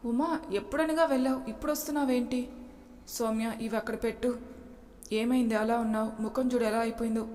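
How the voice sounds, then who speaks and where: Caring, anxious young woman, fussing, even high voice, done by a woman narrator. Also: a little fast, long reverb tail, lightly acted. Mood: concerned. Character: caring young woman, worried sister-in-law.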